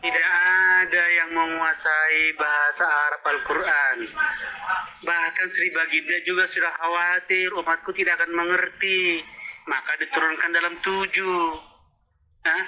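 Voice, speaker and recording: A man's voice: sits high, little pitch movement, normal speed, sharp tone, low-quality recording. A man in a heated religious debate who mocks his opponent and accuses him of lying. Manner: mocking, accusing.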